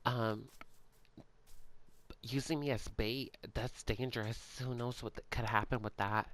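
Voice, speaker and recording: A man's voice: medium pitch, fairly even intonation, unhurried. Sleepy, hesitant young-sounding man gaming. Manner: hesitant and soft-spoken, many ums and sighs. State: yawning, sleepy. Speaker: gaming channel creator. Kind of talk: casual in-character game role-play.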